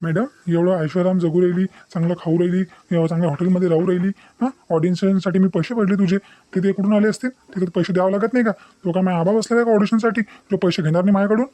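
A man's voice: high voice, fairly even intonation, dark tone, dry recording, close to an everyday voice. A man voicing a young, deceitful, bossy boyfriend in a cartoon, dismissive and threatening. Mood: angry. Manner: dismissive, taunting, fast-talking. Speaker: cartoon character. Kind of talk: Marathi cartoon voice acting.

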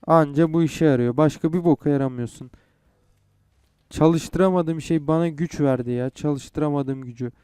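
A man's voice: a little high, moderate pace, dark tone, clean tone, no room sound. A young man playing a game and commenting, frustrated and swearing as he goes. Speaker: gamer. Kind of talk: gameplay commentary.

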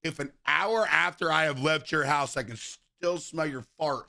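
A man livestreaming game commentary in a brash, animated frat-bro manner, swearing constantly and exclaiming. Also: fairly high pitch, moderate pace, gravelly. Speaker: video game livestream host. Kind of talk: livestream gaming chat and commentary.

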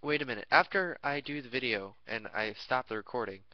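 A man's voice: medium pitch, expressive, fairly quick, no echo, highs cut off. A young man rambling through a crude, jokey vlog rant and slipping into silly voices.

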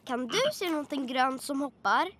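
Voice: sits high, fairly bright tone, a little hiss or hum. A child dubbing a curious, cheerful four-year-old tiger boy in a children's cartoon, eagerly asking the viewer questions. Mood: excited. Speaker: lead cartoon character. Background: children's music.

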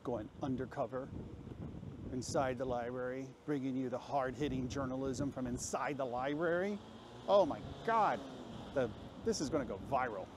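A travel vlogger walks along a busy city street, talking casually to a handheld camera in a medium-pitched voice at a moderate pace. His walk-and-talk narration rambles in a self-mocking way, and street and traffic noise come through clearly.

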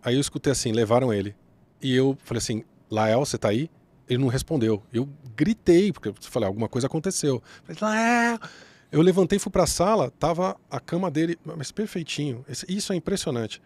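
A man's voice: on the high side, animated, quick pace, hardly any pauses, darkish tone. A Brazilian man, a podcast guest, vividly retelling a night's events and acting out the dialogue. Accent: Brazilian Portuguese. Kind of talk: storytelling in a podcast conversation.

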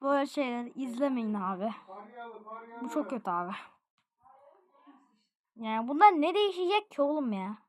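A woman giving live gameplay commentary, excitable and quick to laugh and shout out exclamations. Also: sits high. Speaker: gaming video creator.

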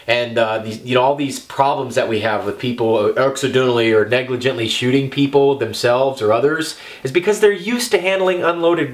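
A young man with a mid-pitched voice talks straight to the camera as a firearms instructor. He is emphatic and preachy, hammering each point home and pausing to check in with "okay" and "all right". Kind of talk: direct-to-camera talk.

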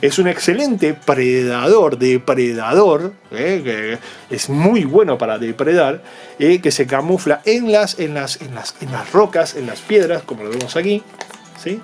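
A man's voice: a little high, lively intonation, a little slow, soft background music. A man, unboxing toys and patiently explaining them to young viewers, checking in with them all the time. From Argentina. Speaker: toy unboxing vlogger.

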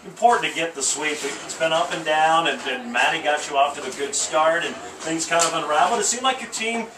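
A man's voice: a little high, brisk, recorded from a distance, crowd noise. A male sports radio announcer interviewing after a game in a small wooden press box, asking long, rambling questions with restarts over a headset mic. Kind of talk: postgame interview. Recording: echoey, from off the mic, noisy outdoor ambience.

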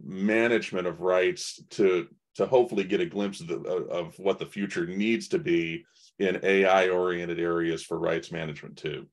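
A man's voice: sits low, steady tone, normal speed. A man in his forties hosting an online conference interview, chatty, with lots of fillers and restarts. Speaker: host. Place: indoors in front of a branded backdrop. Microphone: webcam video call.

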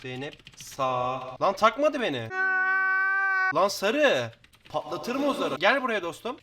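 A teenage boy giving excitable gameplay commentary, chatting to viewers, swearing and shouting at opponents. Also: high voice, takes it slowly. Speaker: gaming YouTuber.

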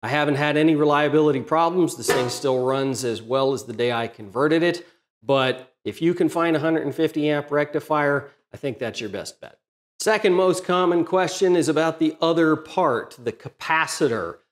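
A middle-aged DIY welding channel host explains a welder modification to the camera from his home workshop. His voice is on the high side at normal speed, and his tutorial delivery is methodical, plain-spoken and technical.

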